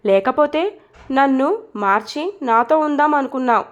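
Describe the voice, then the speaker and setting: A woman's voice: high-pitched, moderate pace, lo-fi sound, close to an everyday voice. A woman voicing an impatient young husband who teases and scolds in a snappy way. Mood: scolding.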